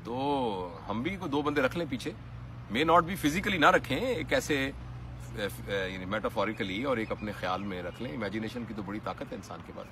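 A man's voice: mid-range voice, animated, normal speed, sharp tone, slight background noise. A man giving an earnest motivational talk in a preaching manner, rising to emphatic peaks. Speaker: motivational speaker.

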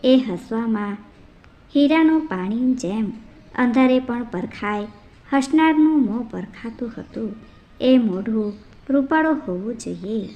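A woman with a fairly high voice reads a folk tale aloud at a slow, unhurried pace. She tells it in measured storytelling narration and reads the characters' quoted lines as part of the tale. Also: animated, muffled recording.

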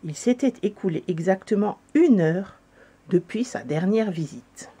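A woman reading a children's story aloud, with calm, gentle narration. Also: medium pitch, measured pace, husky.

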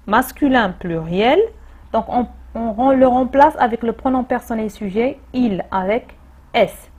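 Slow, patient woman teacher. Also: on the high side, darkish tone. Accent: Moroccan French. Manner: slow, patient explaining with repetitions. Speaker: primary school teacher. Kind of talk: distance-learning lesson.

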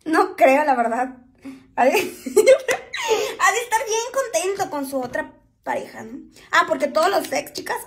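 A high-voiced woman with a Mexican accent talks to her viewers in a casual, joking way while she does her makeup. She chats on and on and keeps addressing them as "chicas". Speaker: vlogger doing makeup on a live stream.

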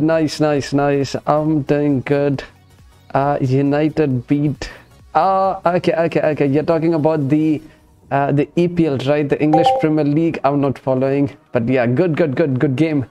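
A man's voice: fairly high pitch, dark tone. A man, chatting casually as a gaming livestream host, chummy and repeating short phrases. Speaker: live streamer and host. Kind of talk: casual gaming livestream chat, greeting viewers. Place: indoor streaming setup.

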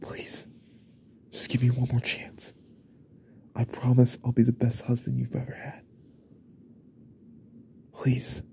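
A young man voicing an unstable, remorseful young husband in a whispered role-play, stammering and repeating himself in a husky, often whispered voice. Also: mid-range voice, monotone, slow, long pauses, mellow, slight background noise. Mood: pleading. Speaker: ASMR role-play creator.

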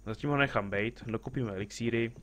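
A man's voice: medium pitch, a bit bright, slight background noise. A man streaming a game, chatting casually, joking with the characters on screen and greeting viewers as they arrive. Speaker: live streamer playing a game. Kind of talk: casual gameplay commentary.

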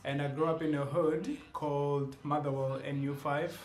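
A young man with a South African accent casually introduces himself on his video channel, dropping playful, joking asides and switching into other languages. His voice is fairly high with fairly even intonation, a moderate pace and a darkish tone. Recorded by a camera at close range in a small indoor room with shelves, the sound is reverberant, with soft background music.

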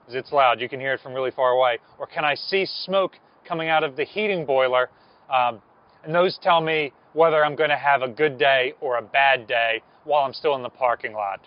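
An American man in his thirties, working as a museum presenter, gives an informal explanatory talk to camera outdoors on a ship's deck. His voice is a little high, and the clip-on lapel mic gives a lo-fi sound.

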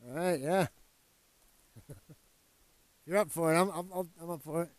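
A man's voice: on the high side, fairly even intonation, measured pace, dry recording. A man giving casual, easygoing commentary in short bursts from inside a helmet while riding a motorcycle outdoors. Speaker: motorcycle vlogger. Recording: loud motorcycle engine noise, helmet mic. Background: motorcycle engine.

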